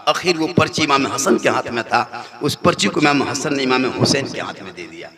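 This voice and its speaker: A man preaching a devotional sermon, telling a story in rhythmic repeated lines and swinging from hushed tones to loud declamation before a live audience. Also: mid-range voice, expressive, brisk. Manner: repetitive rhythmic listing. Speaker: Islamic preacher. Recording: live gathering with an audible crowd.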